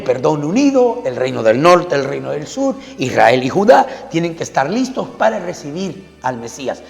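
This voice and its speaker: A male pastor with a fairly high voice and some vocal fry preaches a sermon in a lecturing style, posing rhetorical questions and then answering them himself. Long hall reverb surrounds his voice.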